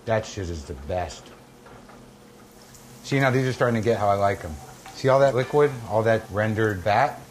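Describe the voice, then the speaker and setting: A middle-aged American man with a fairly low voice talks casually as he cooks and tells stories. His delivery is wry, blunt and salty, like someone chatting to a friend. Clear kitchen noise sits behind him. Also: expressive, moderate pace, pauses often. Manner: wry, blunt, profane, conversational. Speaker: host of a comedy cooking show. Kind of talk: casual cooking demonstration with anecdotes.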